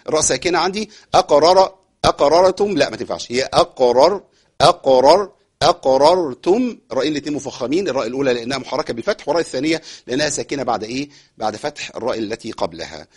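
A man's voice: on the high side, slightly rough. Egyptian man teaching Quran recitation. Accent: Egyptian Arabic. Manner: quick explanations broken by slow chanted recitation. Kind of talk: recitation lesson.

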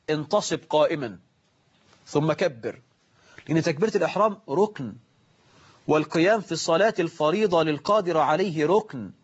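A man with an Egyptian accent giving a lively religious lesson on prayer, imitating worshippers and scolding them, slowing down to recite quotations. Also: a little high, husky, dull audio. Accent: Egyptian Arabic. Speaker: preacher.

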